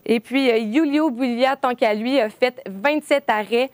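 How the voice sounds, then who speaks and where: A young woman sports reporter covers a hockey game for a news show in a fairly high voice. The sound is close and dry with no echo, and her frequent pauses are filled with hesitations.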